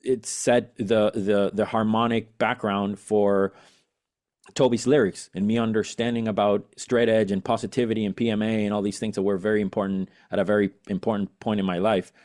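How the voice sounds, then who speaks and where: A man's voice: fairly low pitch, little pitch movement, normal speed, darkish tone. A man from Venezuela, a musician guest on a podcast, chatting eagerly and rambling with many fillers and restarts. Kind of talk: casual interview chat.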